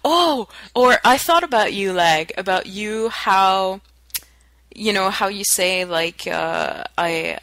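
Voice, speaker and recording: Woman, podcast co-host, bright unhurried voice, giggly, deadpan quotes, dry mic. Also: mid-range voice, no room sound. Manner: giggly, quotes game lines in a flat voice. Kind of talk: casual chat.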